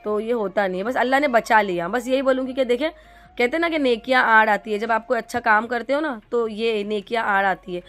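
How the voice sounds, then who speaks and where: A woman's voice: fairly high pitch, fairly quick, fairly bright tone. A middle-aged woman from India telling a vlog story to her viewers, chatty and rambling with lots of fillers and restarts. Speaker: vlogger.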